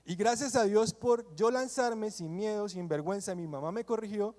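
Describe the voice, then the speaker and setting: A man's voice: sits high, normal speed, a little mellow. A man in his twenties from Colombia preaching a sermon, calling on the congregation to repeat after him and answer his questions. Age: 20s. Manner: call-and-response, asking the congregation to repeat and answer. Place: church hall. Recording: long church hall reverb.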